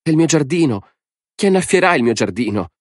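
A man voicing a nine-year-old girl who speaks softly and pleads. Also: on the high side, sing-song, a little fast, dry recording, clean studio sound, pitched above the performer's own voice. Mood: worried. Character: nine-year-old girl, quiet and attached to her flowers.

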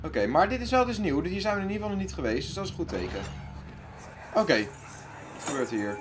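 A man hosting a let's play who talks to himself and loudly panics while playing. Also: high-pitched, very animated, fast, background noise. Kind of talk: casual gaming commentary.

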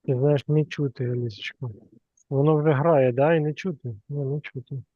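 A man moderating an online class, calmly and patiently explaining the settings and repeating points so that they are clear. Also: a little high, normal speed, no room sound. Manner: calm, patient, repeats himself to make a point. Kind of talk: patient explaining on a video call. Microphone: video call from a computer. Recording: dull lo-fi video call audio.

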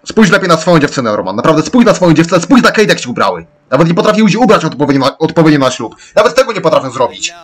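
A man doing let's-play gameplay commentary, ranting excitably and yelling at the characters. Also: a little high, racing, hardly any pauses.

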